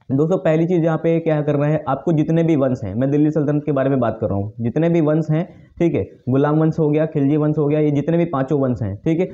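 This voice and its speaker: A fast-talking man runs a casual exam-prep lesson, his voice pitched a little high but very dark in tone. He keeps checking in with "theek hai" and answers his own questions aloud. The recording sounds dull and lo-fi.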